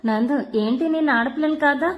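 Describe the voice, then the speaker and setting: A shy young bride from a storybook, sweet and bashful with her new husband, voiced by a woman. Her voice is high and bright. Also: a little fast, close to an everyday voice.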